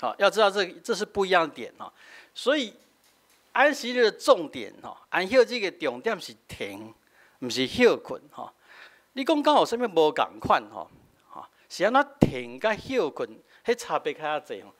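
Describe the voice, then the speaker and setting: Lively-pitched Taiwanese pastor preaching. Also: male voice, normal speed. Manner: explanatory, frequent filler "hah" tags, switching between Taiwanese and Mandarin. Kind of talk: sermon teaching.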